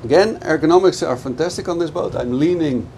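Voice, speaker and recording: His voice sits on the high side and he talks briskly. This middle-aged boat dealer does a casual, enthusiastic walkthrough of a boat for a product review while aboard a moving motorboat, explaining over loud engine and wind noise with water audible in the background.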